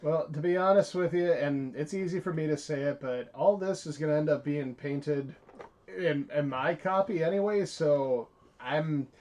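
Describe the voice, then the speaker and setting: A man's voice: fairly high pitch, moderate pace, darkish tone. A man in casual unboxing chat, talking with upbeat enthusiasm and casual hedges. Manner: upbeat, enthusiastic, hedging with "I feel like". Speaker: co-host.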